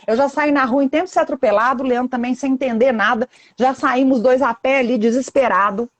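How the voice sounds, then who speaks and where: A woman with a high, quick voice tells a painful story over a live video call, and she often acts out what people said to her. Her sound is dry and close, with no room around it. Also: no room sound. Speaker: guest sharing her story. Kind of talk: emotional live chat.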